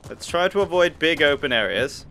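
A young man excitably teasing his teammate during a co-op war game, yelping when shot at, on a headset mic. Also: a little high, normal speed, slight background noise. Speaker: gamer. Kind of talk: co-op gameplay chat.

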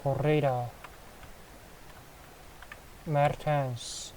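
Excitable man calling a football game. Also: on the high side, very slow, slight background noise, low-quality recording. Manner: excitable play-by-play, swears casually. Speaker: gaming commentator. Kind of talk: casual football game commentary.

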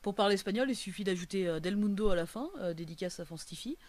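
A man's voice: high-pitched, quick pace. Man rambling playfully on a stream. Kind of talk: casual live-stream chat. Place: shared room with friends.

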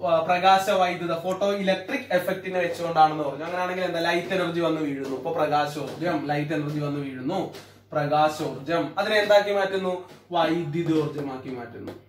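A man with a Malayalam accent teaches pupils a classroom-style science lesson, repeatedly asking a question and then answering it himself. His voice is a little high and fairly quick. He's far from the mic in an echoey room.

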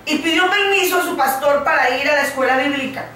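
An older woman preaching a sermon in short phrases, pausing for an interpreter, in a living room. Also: high-pitched, bright, forceful tone, a little hiss or hum. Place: living room set with framed pictures. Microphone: far camera. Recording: echoey room from far off, faint music.

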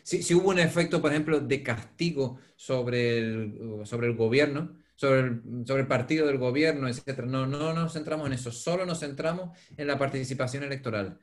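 A man's voice: medium pitch, normal speed, hardly any pauses. A man answering questions as presenter in an online academic discussion, agreeing emphatically and repeating phrases. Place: online video call.

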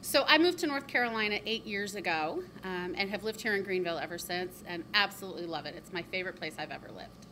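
A woman's voice: medium pitch, animated, fast talker, few pauses, pushed and bright, rough recording. A woman who co-owns a bakery, talking upbeat and chatty with many ums in an interview inside her shop. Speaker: bakery co-owner. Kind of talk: casual interview. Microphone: handheld reporter mic. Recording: noticeable background noise.

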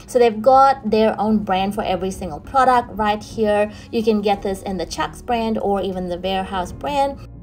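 Faint music runs behind a young adult woman who narrates a shopping tour for her vlog from a car on the motorway. She is upbeat and chatty, highlighting products and their prices in a mid-range, slightly mellow voice at a moderate pace.

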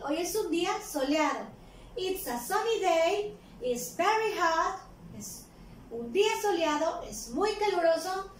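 A woman with a Mexican accent teaching small children English words, repeating each one slowly and translating it into Spanish. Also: very high voice. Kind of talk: bilingual vocabulary lesson for small children. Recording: echoey room from far off, faint noise.

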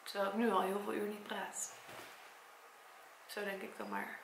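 Young Dutch woman, vlogger, tearful and congested, fry in a slightly high voice, echoey home room. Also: sing-song, moderate pace, a little hiss or hum. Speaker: vlogger and primary school teacher. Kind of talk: personal vlog talk to camera. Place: at her parents' home, indoors. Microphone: camera mic.

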